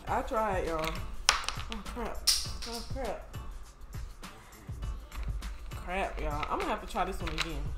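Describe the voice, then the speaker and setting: Casting: American woman, chatty, informal online host talking straight to viewers, roomy sound over music. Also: lowish voice. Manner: informal, slangy, chatty direct address. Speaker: host of a video channel. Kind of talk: casual challenge vlog addressed to viewers. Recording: echoey room with music behind.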